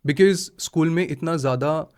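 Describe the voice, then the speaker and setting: A man's voice: on the high side, moderate pace, a little mellow. A man in his thirties, a language trainer, talking in a podcast interview, mixing Hindi and English and laughing often. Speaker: IELTS trainer guest.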